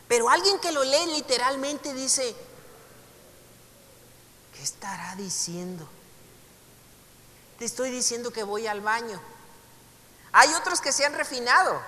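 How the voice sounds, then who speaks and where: A man's voice: extremely high pitch, bright, forceful tone. A man with a Mexican Spanish accent giving a casual Bible lesson to a class. He talks conversationally, makes joking asides and reads passages aloud. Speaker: Bible teacher. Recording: long hall reverb.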